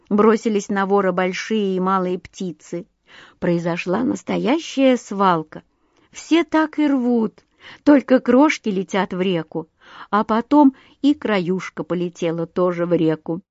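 A woman narrating a children's storybook slowly and expressively. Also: mid-range voice, no echo, highs cut off. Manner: slow, expressive.

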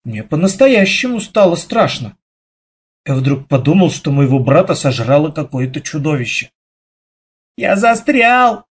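A man narrating a children's story aloud with lively, dramatic storytelling. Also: fairly high pitch, moderate pace, slightly rough. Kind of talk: expressive children's audiobook reading.

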